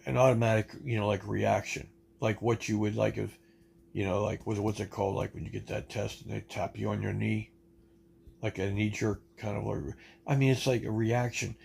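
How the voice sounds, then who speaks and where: Gravelly man rambling through a testimony. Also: lowish voice, little pitch movement, moderate pace, a little mellow, a little hiss or hum, poor audio. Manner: rambling, with many fillers and restarts; emphatic and blunt, swears. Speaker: guest telling his life story. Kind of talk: casual spoken testimony.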